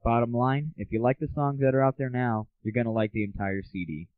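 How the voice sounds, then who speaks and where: Here the show host speaks in a mid-range voice at a brisk clip, keeping things loose and poking fun at himself. The audio is dry, tinny and lo-fi, captured on a cheap home mic that isn't working properly.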